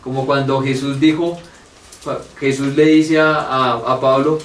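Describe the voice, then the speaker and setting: A man's voice: medium pitch, flat delivery, unhurried. A man from Colombia teaching a church theology class, earnest and thinking aloud, acting out both sides of a debate. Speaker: Bible study teacher. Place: church meeting room. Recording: echoey room from far off, faint hiss.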